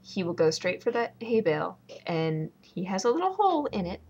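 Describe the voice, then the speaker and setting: A woman's voice: medium pitch, very animated, moderate pace, darkish tone, slightly rough, lo-fi sound. Young adult woman, home vlogger; sarcastic, rambling, ranty casual delivery. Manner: ranting, sarcastic, rambling with many ums. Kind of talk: casual vlog chat.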